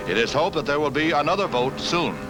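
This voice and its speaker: A man's voice: a little high, lively intonation, a little fast. A man with an American accent narrating an old 1950s newsreel in an emphatic announcer delivery. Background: newsreel music score.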